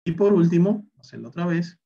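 A man's voice: high voice, lively intonation, fairly quick, vocal fry, dark tone, breathy edge, distant mic. A man teaching a recorded online spreadsheet class, explaining each step and talking through every calculation aloud. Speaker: Excel instructor. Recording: slightly dull, lo-fi recording.

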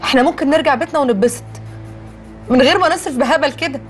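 An actress playing a young Egyptian wife who talks in a chatty, coaxing way. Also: female voice, high-pitched, very fast, soft background music, natural voice. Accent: Egyptian Arabic.

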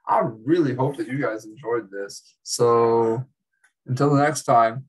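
A man giving a casual, chatty screen-recorded software tutorial as an instructor, with wry asides. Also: mid-range voice, a little slow, distant mic, rough recording.

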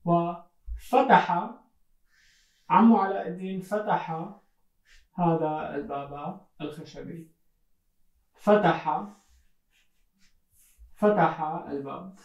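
A teacher telling a story slowly for learners, repeating each phrase and glossing words in English. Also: mid-range voice, lo-fi sound. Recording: roomy echo, voice from mic distance.

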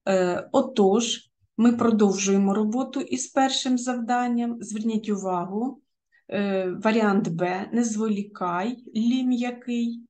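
Middle-aged woman teaching exam prep, mellow voice, measured and explanatory, lots of little ums. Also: mid-range voice. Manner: measured, explanatory, frequent hesitation fillers. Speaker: textbook co-author and teacher.

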